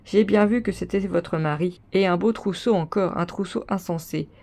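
A woman's voice: lowish voice, normal speed, warm tone. A woman reading the lines of a poor young mother pleading with an innkeeper's wife, in a storybook reading.

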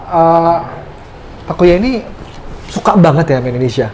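A man hosts a relaxed chat in a slightly high voice, poking fun at his guest by repeating words and correcting them. Steady room noise is clearly audible behind him. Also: normal speed. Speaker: host. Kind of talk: casual interview chat.

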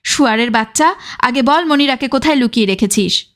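A hardened young freedom fighter, voiced by a woman narrator, clipped and commanding. He is driven by vengeance and talks in short orders. The voice sits fairly high. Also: lively intonation, a little fast, fairly bright tone. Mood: grim. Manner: curt, commanding.

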